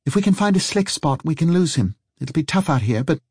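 Storybook role: a curt, secretive woman behind the wheel, old-fashioned speech, a man acting her out a good bit higher. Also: normal speed, darkish tone, no echo, clean studio sound, natural voice. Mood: tense, urgent. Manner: clipped, old-fashioned phrasing.

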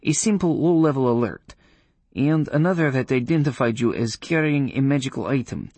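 A man's voice: mid-range voice, expressive, normal speed, darkish tone, dry recording, pitched above the performer's own voice. A man voicing a haughty, coldly formal woman witch, speaking in a stiff, clipped way. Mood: compelled. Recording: dry close studio sound.

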